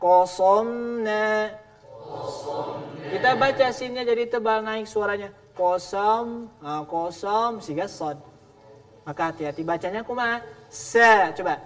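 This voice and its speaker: A man's voice: high voice, normal speed, fairly bright tone. A man with a Sundanese accent teaching Quran recitation in a mosque, patiently drilling letter sounds and asking students to repeat. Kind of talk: tajwid class with drills. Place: mosque hall, indoors. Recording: long reverb of a large hall.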